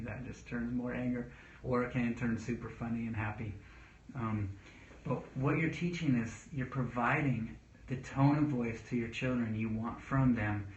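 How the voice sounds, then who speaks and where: A man in his thirties, a father giving casual parenting talk to camera, earnest and rambling, pausing to read viewer questions. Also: medium pitch, a little hiss or hum. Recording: echoey room, dull lo-fi sound.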